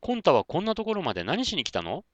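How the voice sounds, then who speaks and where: A man voicing a small girl kitten in a children's story, in a soft, girlish manner. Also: a little high, wildly swooping pitch, fast, no echo, lo-fi sound, voice pushed up. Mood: earnest. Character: little girl kitten, sweet and earnest.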